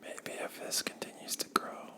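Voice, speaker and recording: Soft close-up whisper, slow and drifting. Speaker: YouTuber with a coloring channel. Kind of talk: whispered ASMR coloring chat.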